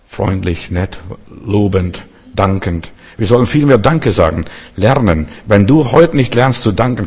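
A man's voice: on the low side, darkish tone, slightly rough, long reverb tail. A man preaching a sermon in a rambling way, often restarting his sentences and speaking to the listener directly.

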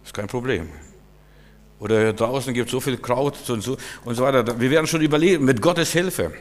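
A man preaching a sermon emphatically, swinging between loud declarations and quiet asides. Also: mid-range voice, fairly quick. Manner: emphatic, rising and falling dynamics. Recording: echoey hall reverb.

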